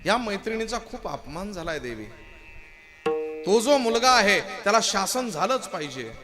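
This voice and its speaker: A man's voice: high-pitched, sing-song, normal speed, music in the background, pitched above the performer's own voice. A man voicing a young woman who earnestly pleads for justice in a kirtan story. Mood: indignant. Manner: earnest and indignant. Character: young woman begging a goddess.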